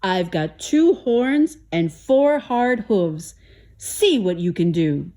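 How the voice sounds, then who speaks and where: Woman as a big, bold, loud billy goat. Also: fairly low pitch, animated, takes it slowly. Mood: defiant. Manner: loud, challenging.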